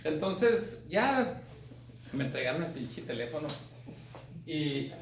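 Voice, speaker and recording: A man with a Mexican accent talks casually and swears freely, often asking if his listeners follow him. His voice sits fairly high. The recording is distant and echoey, with faint background noise. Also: sing-song, slow. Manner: profane, colloquial, often asks "me entiendes". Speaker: speaker on grief. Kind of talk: casual talk.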